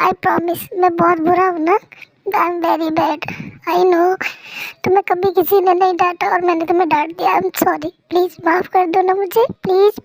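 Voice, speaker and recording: A woman's voice: very high-pitched, poor audio. A woman with a cold voicing an earnest, apologetic young husband in an amateur fan dub, repeating herself insistently. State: has a cold.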